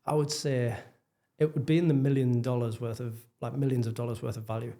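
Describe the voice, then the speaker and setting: A property developer with a Geordie accent, from northeast England, talks openly and self-deprecatingly as a guest in a casual podcast interview. He has a warm, medium-pitched voice with a level tone and a brisk pace.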